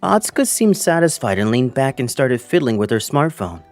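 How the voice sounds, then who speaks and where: A man voices an earnest twenty-five-year-old male teacher in a manga dub, narrating his own story in first person and acting out his lines. His medium-pitched, sing-song voice moves at a normal pace over soft background music, sounding hopeful and earnest.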